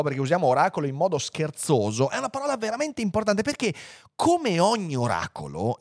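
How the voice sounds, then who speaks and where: A man's voice: fairly high pitch, no echo, studio quality. A man reading a passage aloud and then commenting on it in an amused, conversational lecture style. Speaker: lecturer on philosophy and literature.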